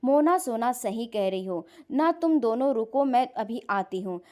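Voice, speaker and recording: A woman voicing an angry middle-aged mother who shouts and scolds her son in a family story. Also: a little high, lively intonation, measured pace. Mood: angry scolding.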